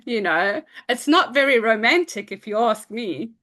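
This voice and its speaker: A woman's voice: fairly high pitch, lively intonation, moderate pace, pushed and bright. A woman with a South African accent, talking as a host in casual conversation. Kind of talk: casual chat.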